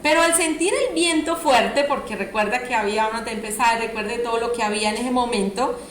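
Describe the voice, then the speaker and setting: A woman's voice: fairly high pitch, a little fast. A woman preacher, delivering a sermon and often asking the audience questions. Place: church hall. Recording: echoey church room, faint noise.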